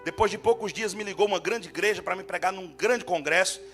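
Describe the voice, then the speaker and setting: A fervent male preacher with a high, ringing voice tells a story from the pulpit and drives it toward shouted calls to the congregation. Soft music plays faintly behind him in the church. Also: fairly quick. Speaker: guest preacher. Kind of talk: storytelling sermon. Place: church service.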